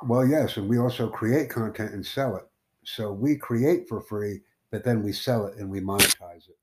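A man from the United States hosts a live stream, chatting casually with strangers in a halting, rambling manner full of fillers. His voice is on the low side, and a little hiss or hum can be heard.

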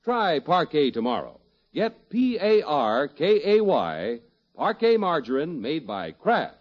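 Animated old-time American radio announcer man. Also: fairly high pitch, takes it slowly. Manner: emphatic showman-like delivery. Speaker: sponsor's announcer. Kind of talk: old radio announcer, scripted 1950s radio advertising and narration. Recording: muffled vintage radio recording, music behind.

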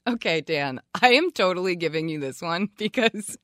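A woman's voice: fairly low pitch, animated, normal speed, fairly bright tone, no room sound, clean studio sound. A woman co-hosting an advice podcast, chatting casually with jokes and frequent laughs. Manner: chatty, laughs often, self-mocking jokes. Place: Vermont.

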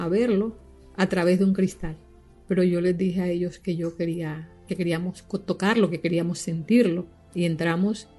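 An older woman giving a personal testimony, speaking haltingly with frequent restarts and repeated words. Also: mid-range voice, mellow. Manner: halting, with many restarts and repetitions. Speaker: victim's daughter giving testimony.

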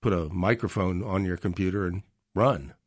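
Podcast host, man, low voice, relaxed talk with quick jokes. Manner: conversational, joking asides. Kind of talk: casual podcast discussion.

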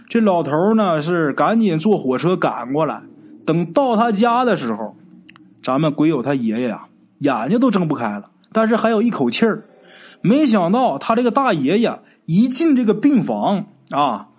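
Husky, lively man. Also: sits high. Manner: colloquial, chatty, with many drawn-out particles. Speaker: storyteller. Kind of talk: oral ghost-story telling.

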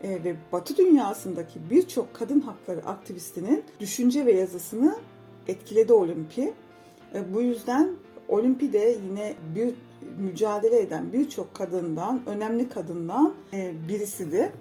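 A woman giving a conversational history talk, pausing often on hesitation fillers. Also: mid-range voice, expressive, warm tone, faint music behind. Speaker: storyteller.

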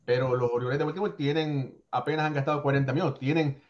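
A man's voice: medium pitch, fairly even intonation, quick pace. Man with Caribbean Spanish, muffled lo-fi sound. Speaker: baseball reporter. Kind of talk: casual sports chat. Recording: dull lo-fi audio.

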